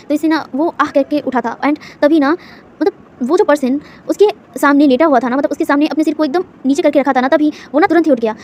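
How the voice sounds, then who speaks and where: A woman's voice: high-pitched, darkish tone, slight background noise. A woman narrating a fan story in a casual, chatty way, full of fillers and asides.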